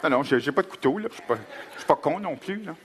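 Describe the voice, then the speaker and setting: Man, quebec french accent, stand-up comic, halting broken english, fairly high voice, noisy live recording. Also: animated. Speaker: stand-up comedian. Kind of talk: stand-up comedy.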